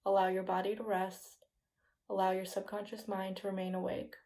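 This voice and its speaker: Woman, slow hypnotic meditation guide, soothing, very even pitch, gravelly fry, soft phrase endings. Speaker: yoga nidra meditation guide. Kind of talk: guided meditation, scripted relaxation narration.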